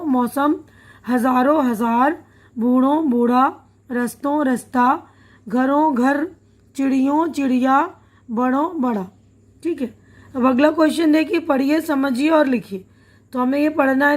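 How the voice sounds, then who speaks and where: A woman teacher working through a textbook chapter, patiently explaining each word with simple glosses and checking questions. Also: high voice. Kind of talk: reading through a textbook lesson.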